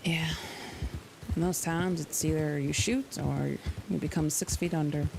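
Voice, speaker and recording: A speaker in a roleplay game stream, talking calmly and reflectively in character, with some hesitations. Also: medium pitch, a little slow, gravelly, noisy background.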